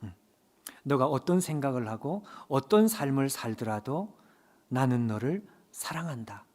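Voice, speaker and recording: A man voicing a hushed, tender God. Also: animated, measured pace, lightly acted. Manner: hushed, soft and low, near whisper. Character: gentle loving God speaking tenderly. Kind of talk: sermon storytelling.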